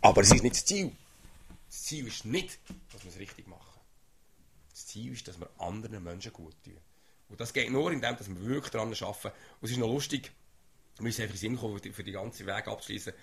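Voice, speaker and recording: A man's voice: on the low side, fast talker, creaky, slight background noise. A man gives an informal sermon to a small group, talking in a conversational way and often asking "oder?". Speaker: lay preacher.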